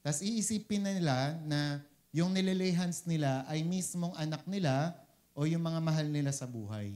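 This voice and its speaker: A man's voice: fairly high pitch, warm tone. Filipino-accented man preaching casually. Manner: conversational, keeps asking "di ba?", mixes English phrases. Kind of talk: casual sermon.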